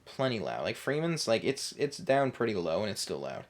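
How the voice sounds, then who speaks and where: A young man hosting a podcast, chatting casually and telling animated stories with acted-out quotes. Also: lowish voice, moderate pace. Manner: animated storyteller, acts out quoted dialogue. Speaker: podcast host. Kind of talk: casual chat.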